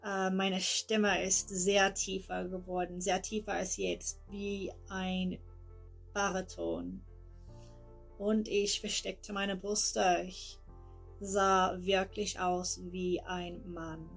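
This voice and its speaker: A young Englishwoman giving a recorded personal testimony, her voice gravelly and held to a flat, narrow pitch. She speaks very slowly, with careful pauses, in an English accent shaped by her first language. Soft music plays faintly behind her. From England. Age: 20s. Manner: slow, halting, careful speech with pauses.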